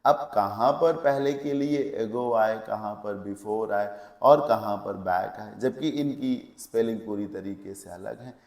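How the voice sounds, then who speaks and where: A man's voice: fairly low pitch, unhurried, vocal fry, few pauses, darkish tone, echoey room. A male English teacher giving a lecture, explaining step by step and checking with questions, mixing English words into his Hindi. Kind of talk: classroom lecture.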